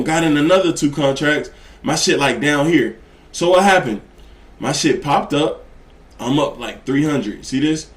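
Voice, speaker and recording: A man's voice: medium pitch, roomy sound. A man teaching day trading in casual, profane talk, blunt and slangy, often asking if you get what he's saying. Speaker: trading educator.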